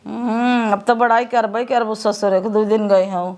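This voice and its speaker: A woman's voice: a little high, fairly even intonation, a little slow, darkish tone, dry recording. A woman with an Awadhi accent playing a rustic mother who teases and scolds her married daughter in a comedy sketch. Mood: teasing. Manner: scolding, sarcastic. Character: rustic mother, sharp-tongued and teasing.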